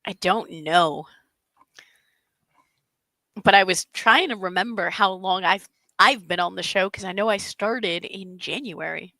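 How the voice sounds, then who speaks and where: A woman co-hosting a casual live stream chat, halting, with a worn-out voice that is going. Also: mid-range voice, vocal fry, bright, forceful tone, no room sound. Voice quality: strained, worn-out voice. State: losing her voice. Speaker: co-host of a live stream show.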